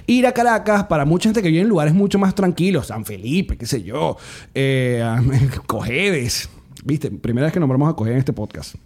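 A man's voice: on the high side, expressive, moderate pace, a little mellow. A man with a Venezuelan accent, co-hosting a comedy podcast in casual chat, rambling with many restarts and frequent laughs. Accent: Venezuelan Spanish. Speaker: podcast co-host and stand-up comedian.

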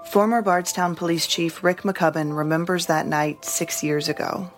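A woman narrating a true-crime podcast in a steady, measured, scripted way. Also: on the low side, faint music behind.

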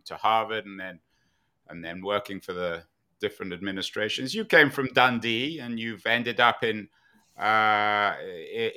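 A man's voice: medium pitch, sharp tone. A man hosting an interview show, asking long, meandering questions with frequent false starts. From United Kingdom.

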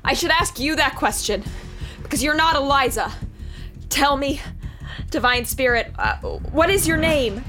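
A woman's voice: high-pitched, measured pace, loud music behind the voice. An actress playing a determined young woman who narrates her own ordeal in an audio drama and speaks with urgency in her scenes. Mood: commanding. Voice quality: steady, earnest narration that turns urgent in dialogue. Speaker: first-person narrator and lead character.

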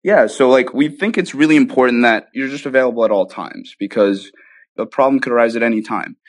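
This app founder, speaking at medium pitch and a little fast, enthusiastically walks an interviewer through his work. He leans on "right?" and "you know" as he goes, keeping it chatty. There's no echo.

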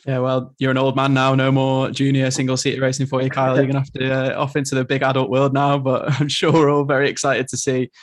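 A man's voice: medium pitch, monotone, fast talker, hardly any pauses, no echo. A male podcast host asking long, rambling questions full of fillers and hedges.

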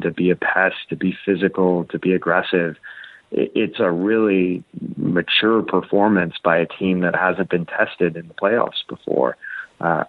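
A man giving measured sports analysis as a podcast guest, often repeating words as he starts. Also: sits low, vocal fry, no room sound. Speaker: podcast guest, basketball writer. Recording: dull, narrow-band call audio.

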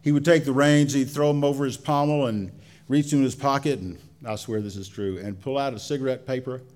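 A man tells a story live to an audience in a folksy, colloquial way, drawing out his phrases and pausing as he goes. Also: medium pitch, darkish tone.

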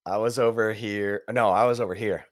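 A man's voice: lowish voice, steady tone, brisk, dry recording, clean studio sound. A middle-aged man from Michigan hosting a casual sports podcast, chatty and full of stories. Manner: chatty storyteller, warm welcomes. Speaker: podcast host.

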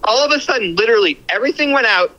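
A man talking in a rushed, excited way, heard over a phone speaker as producer and co-host of a casual chat show. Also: very high voice. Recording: tinny speakerphone line.

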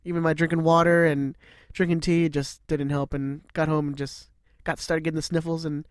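A man's voice: a little high, flat delivery, normal speed, clear, resonant tone, dry recording, studio quality. A male podcast host with a nasal, stuffy voice from a cold, chatting in a joking, rambling way. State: sick with a cold. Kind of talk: casual chat.

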